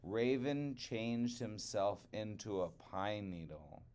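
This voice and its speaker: A man reading a picture book aloud to children as a storyteller, deliberate and expressive with dramatic emphasis. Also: fairly low pitch, clean tone.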